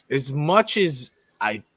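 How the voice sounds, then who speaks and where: A man's voice: mid-range voice, sing-song, no echo. A man co-hosting a casual sports podcast over a video call, blunt and profane as he teases the others. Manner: slow, blunt, profane, teasing. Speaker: podcast co-host.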